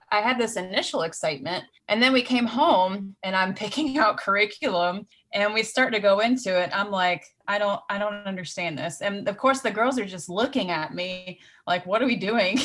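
A woman's voice: mid-range voice, a bit bright. A middle-aged woman talking as a guest in a casual conversation, earnest and laughing often.

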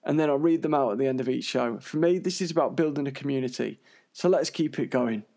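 Wheezy British man with a creaky voice. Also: mid-range voice, quick pace, dark tone. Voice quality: wheezy, audibly breathy from illness. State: unwell, wheezy breathing. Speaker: podcast host. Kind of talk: chatty scripted podcast monologue.

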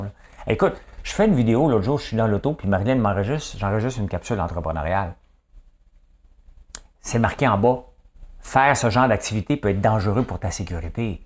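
A middle-aged man with a Québécois French accent offers a jokey, meandering opinion monologue in a voice on the low side and a little mellow. The commentator keeps asking "hein?" as he goes.

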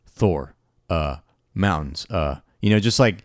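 A man with a low, animated voice speaks slowly while co-hosting a podcast that reviews an album. The chat is casual, and he hesitates, restarts often, and laughs easily. The studio sound is clean, with no room sound.

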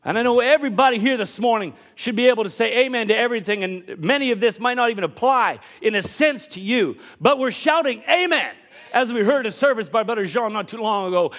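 A man preaching a sermon in a church service, emphatic, shifting between quick asides and bursts of raised voice. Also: extremely high pitch, animated, a bit bright. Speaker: pastor.

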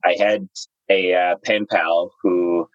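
A Zimbabwe-born man in his thirties, a startup founder, tells his life story in a candid, relaxed way. His voice is very low and recorded close and dry. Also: slow, no room sound, dull audio. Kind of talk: interview guest, storytelling.

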